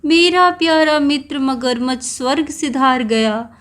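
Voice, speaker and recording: A woman's voice: high voice, steady tone, unhurried, fairly bright tone. A woman voicing a male tortoise who is faking grief over his friend in a children's story, with a dramatic wailing lament.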